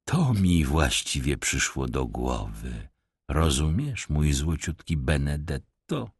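A man voicing a sly, menacing old vagabond with a low mutter. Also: very animated, takes it slowly, breathy edge, dry recording, full character voice. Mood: insinuating. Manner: ironic, threatening undertone. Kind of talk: audiobook character voice.

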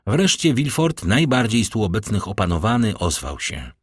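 Low-voiced guy reading a classic novel aloud, dry mic, dramatic and measured. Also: very animated, husky, dry recording. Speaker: audiobook narrator. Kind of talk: scripted narration of a classic novel.

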